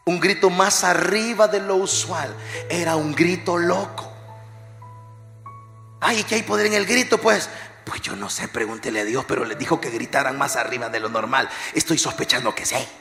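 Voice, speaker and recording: A male pastor preaches in a high, ringing voice with a bright edge. He leads his congregation in call-and-response, jokes with them, and drops from shouted war cries to near-whispers. The live recording rings with a long church echo and faint music behind. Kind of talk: energetic sermon. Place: large church hall.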